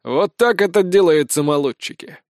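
A man's voice: on the high side, moderate pace, a little mellow, dry recording, studio quality, close to an everyday voice. A man voicing a sly, smug army sergeant in an audiobook, barking his lines.

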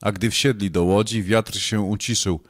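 A man reading scripture aloud in a measured, solemn way. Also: on the low side, steady tone. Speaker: scripture reader.

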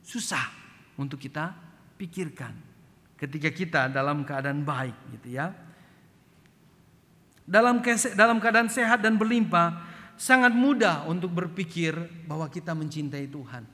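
A male pastor from Flores in eastern Indonesia, preaching a sermon and telling a story, acting out shouted quotes and often adding "gitu ya". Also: animated, measured pace, pauses often. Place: church hall. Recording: long hall reverb, faint rumble.

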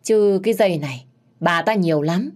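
A woman's voice: fairly low pitch, normal speed, a little mellow, natural voice. A woman voicing a blunt middle-aged aunt who grumbles and scolds. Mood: grumbling.

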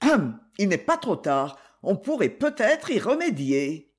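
A man's voice: sits high, sing-song, measured pace, breathy edge, exaggerated voice. A man voicing a fussy, penny-pinching creditor who frets and mutters to himself. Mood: fretful.

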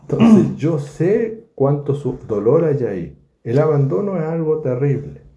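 A man leads a verse-by-verse Bible study, speaking animatedly and acting out the scripture scenes he describes. His voice is a little high and his pace measured. The room recording is echoey, dull, and lo-fi.

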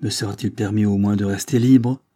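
A man's voice: lowish voice, steady tone, brisk, mellow, natural voice. A man voicing a heartbroken, obedient young noblewoman as he reads a classic novel aloud, in a subdued, broken tone. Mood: resigned.

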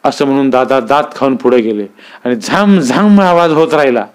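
A man's voice: mid-range voice, moderate pace. Man telling a village story. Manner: acts out the rough village dialogue in a raised, heated voice. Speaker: narrator. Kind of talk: dramatic storytelling.

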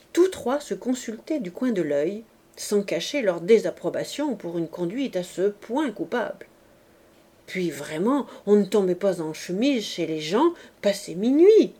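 A woman reading a classic novel aloud in a slow, measured narration. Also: medium pitch, warm tone, slightly rough. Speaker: audiobook reader.

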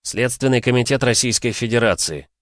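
A sly investigator leans on his listener with calm, persuasive insistence, voiced by a man reading a novel. His voice sits a little above the reader's usual register. The sound is close and dry. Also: mid-range voice, a little fast, no room sound, voice pushed up, natural voice. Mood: insistent. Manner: persuasive, pressing. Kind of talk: audiobook character voice.

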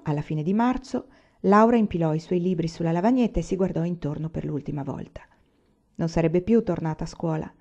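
A woman reading a novel aloud in a steady, even storytelling manner. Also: fairly low pitch, lo-fi sound. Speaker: audiobook reader.

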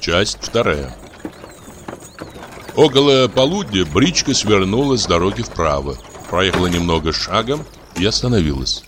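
A man narrating a classic story in an expressive, storytelling manner over background music. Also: low-pitched, unhurried, background noise. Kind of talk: scripted audiobook narration.

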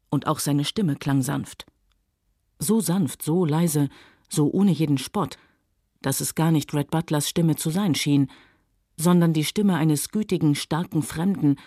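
A woman narrating a novel aloud in calm, measured scripted storytelling. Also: sits low, no room sound, studio quality. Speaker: audiobook reader.

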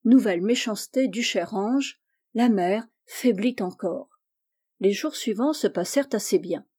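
A woman reading a classic novel aloud in measured, clear narration. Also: medium pitch, mellow. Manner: measured and clear, acts out the dialogue. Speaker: audiobook reader.

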